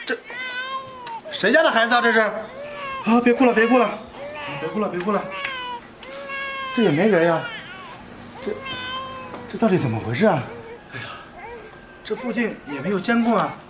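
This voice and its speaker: A man's voice: a little high, wildly swooping pitch, fast, pauses often. An actor playing a kind-hearted young man raising a foundling, speaking earnestly with many fillers. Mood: flustered. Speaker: single father. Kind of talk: short web drama acting. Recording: echoey room with loud background noise.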